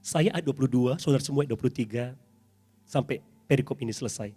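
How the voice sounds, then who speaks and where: A middle-aged man preaching a sermon as pastor in a church, dramatic and animated, with sudden loud highs. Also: quick pace, husky, soft background music.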